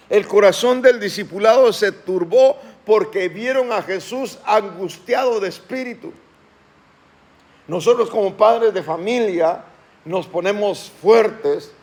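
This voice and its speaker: A male pastor preaches to his church in a fairly high voice. He slows and rises when reading scripture and asks his listeners questions. His delivery is earnest and preacherly. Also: gravelly, a little mellow. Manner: asks the congregation questions and calls them to respond. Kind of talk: sermon.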